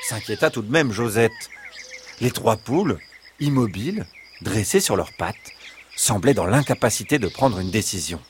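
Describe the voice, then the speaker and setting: A man narrating a children's bedtime story in an expressive, dramatic storytelling manner. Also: lowish voice, normal speed, a little hiss or hum.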